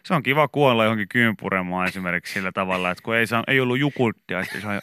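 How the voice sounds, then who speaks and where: A man's voice: on the low side, sharp tone, smooth, no room sound. A man hosting a morning radio show, chatting casually, laughing often and telling stories with animation. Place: radio studio. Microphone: studio microphone.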